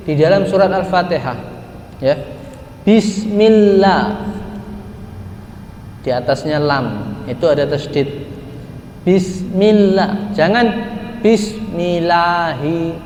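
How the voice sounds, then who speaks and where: A man giving a religious study lesson, asking himself rhetorical questions and drawing out Quranic words slowly as examples. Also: on the high side, a little mellow, slight background noise. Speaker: religious teacher. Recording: echoey hall with faint ambience.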